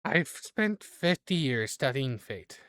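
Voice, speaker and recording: A man's voice: medium pitch, very animated, takes it slowly, a bit bright, smooth, dry recording, pitched above the performer's own voice. A man voicing a weary older female fortune teller who mutters in exasperation. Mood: exasperated.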